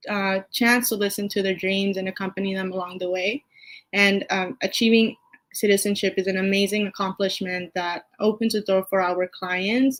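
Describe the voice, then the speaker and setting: A woman's voice: medium pitch, a bit bright. A woman caseworker giving an introductory speech, hesitant and full of filler words. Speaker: immigration caseworker.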